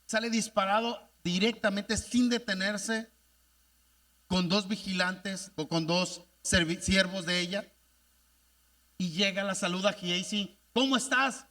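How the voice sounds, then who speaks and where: A man's voice: high voice, fairly even intonation, a little slow, pushed and bright, long reverb tail, recorded from a distance. A man preaching a sermon as pastor, emphatic and calling out to his congregation.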